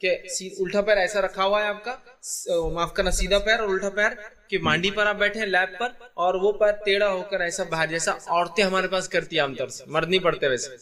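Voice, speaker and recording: A man's voice: high voice, fairly even intonation, moderate pace, pushed and bright. A man giving a religious lecture, explaining step by step and asking his listeners rhetorical questions. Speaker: Islamic teacher.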